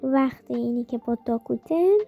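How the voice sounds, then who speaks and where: High-voiced playful woman teacher. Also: gravelly, phone-quality sound, soft background music. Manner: playful, slow drilled repetitions. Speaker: Japanese teacher. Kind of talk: playful scripted lesson.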